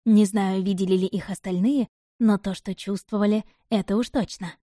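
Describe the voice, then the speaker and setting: A woman narrates a first-person audiobook, even and measured. Her voice is mellow and warm-toned, recorded dry and close. Her pitch sits in a middle range. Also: no echo.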